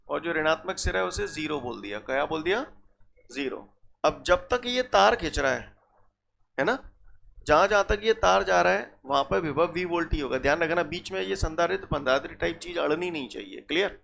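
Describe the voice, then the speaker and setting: A man's voice: a little high, gravelly, fairly bright tone, a little hiss or hum. A man teaching a physics class, often checking his students as he works through problems. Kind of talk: classroom lecture.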